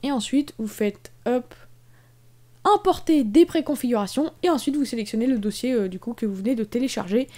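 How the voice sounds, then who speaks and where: A woman's voice: a little high, a little fast, mellow. A young woman walking viewers step by step through a video-editing tutorial, casual with frequent fillers. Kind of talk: screen-recorded software tutorial.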